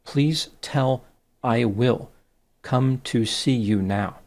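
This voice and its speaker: A man reading out the messages of a smitten, lonely older man, slowly and plainly. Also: medium pitch, a little mellow. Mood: pleading.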